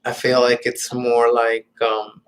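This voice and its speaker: Male vlogger, very slow and halting, rambling chat with whispered asides, mid-pitched voice. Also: completely flat delivery, smooth, low-quality recording. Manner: halting, meandering, many fillers and restarts; drops to muttered, whispered asides. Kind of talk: casual rambling monologue.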